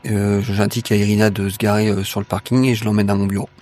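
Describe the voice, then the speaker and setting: A man playing a tabletop role-playing game, improvising his lines and actions in a hesitant, measured way. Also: lowish voice, little pitch movement, a little mellow, faint music behind. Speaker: tabletop role-play player. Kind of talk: improvised in-character play and narration.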